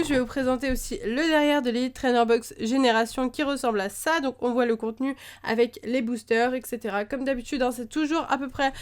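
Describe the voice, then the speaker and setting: A young woman chatting enthusiastically to camera as she unboxes trading cards, with many fillers along the way. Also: high voice. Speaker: YouTuber opening trading cards. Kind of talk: casual unboxing chat. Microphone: camera mic, face to camera.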